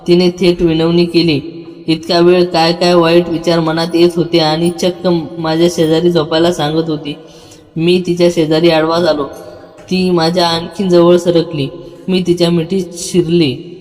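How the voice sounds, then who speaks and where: A man narrating a first-person story in a calm, even storytelling manner. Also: fairly high pitch, normal speed. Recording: long hall reverb with soft background music.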